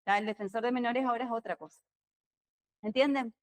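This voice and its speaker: A woman with an Argentine accent teaches a law class in a classroom. Her voice sits a little high, and she tends to get loud as she explains. She keeps questioning her students as she goes. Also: brisk. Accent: Argentine Spanish. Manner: lively, talks loud, asks students questions. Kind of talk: classroom lecture.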